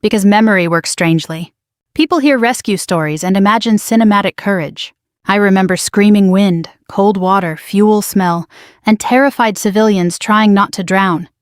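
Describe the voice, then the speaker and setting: A woman narrating a first-person story in a measured, quietly dramatic manner. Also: medium pitch, dry recording, studio quality.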